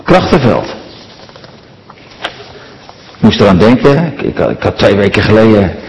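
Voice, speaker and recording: Middle-aged preacher in a reverberant church. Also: male voice, on the low side, very animated, measured pace. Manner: earnest, rhetorical, with frequent tag questions. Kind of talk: sermon. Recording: long reverb of a large church.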